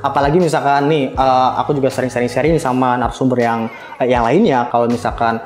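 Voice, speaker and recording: A podcast host runs a casual, chatty interview, sprinkling in English loanwords. He talks fast in a medium pitch with little pitch movement, and the recording has a roomy echo with faint music behind.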